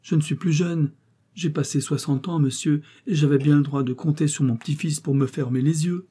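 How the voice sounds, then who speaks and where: A man's voice: mid-range voice, lively intonation, brisk, dark tone, breathy edge, voice pushed up. A man voicing a miserly old man over sixty who whines in a tearful, wheedling voice.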